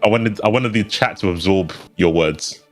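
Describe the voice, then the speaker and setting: A man's voice: on the low side, moderate pace, darkish tone, faint music behind. A man co-commentating a live fighting game with playful, joking banter. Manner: playful banter, loose and laughing. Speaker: esports co-commentator.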